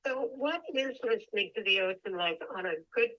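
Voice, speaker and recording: A woman's voice: medium pitch, a little fast. Woman on a call line breaking up. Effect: call audio breaking up and dropping out. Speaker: whale researcher presenting remotely. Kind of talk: reading a prepared talk. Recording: dull, lo-fi remote call line.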